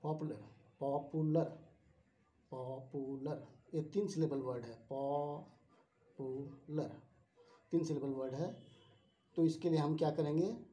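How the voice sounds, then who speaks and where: A man's voice: on the high side, moderate pace, warm tone. A male English teacher giving a grammar lesson, spelling words out letter by letter and repeating each form.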